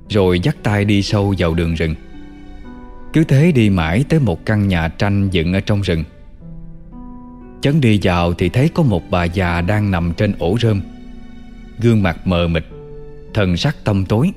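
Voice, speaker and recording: Male storyteller, low calm voice, long reverb, soft music behind. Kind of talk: storytelling narration.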